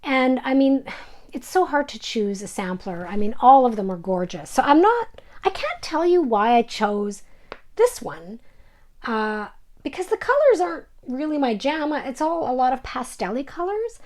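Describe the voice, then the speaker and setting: A woman casually chatting through her cross-stitch projects at home, self-deprecating and full of fillers, sometimes dropping to a soft whisper. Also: high voice, big pitch swings, moderate pace. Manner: drops to soft whispers over her silks. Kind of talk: casual show-and-tell vlog.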